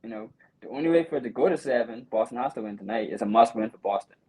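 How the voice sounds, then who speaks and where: A man hosting a casual sports chat, talking through a game in an animated way and peppering it with "you know" and "bro.". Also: mid-range voice, fast talker, husky, low-quality recording. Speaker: podcast host.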